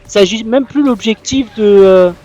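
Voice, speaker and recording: A man giving live gameplay commentary as a gaming YouTuber, raging and swearing with loud exclamations. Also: high-pitched, normal speed, highs cut off, slight background noise.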